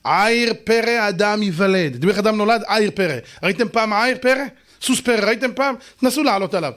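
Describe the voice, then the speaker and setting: A man with an Israeli accent delivering a lively sermon as a rabbi, firing off rhetorical questions and teasing his listeners, with sudden shouts. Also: sits high. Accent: Israeli Hebrew. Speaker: rabbi giving a lecture.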